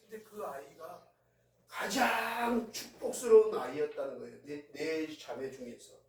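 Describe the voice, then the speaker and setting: A man's voice: on the high side, measured pace. A male pastor preaching a sermon, telling a story in a conversational, heartfelt way in a church sanctuary. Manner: conversational storytelling, recounting events with feeling. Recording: very echoey hall, voice heard from a distance.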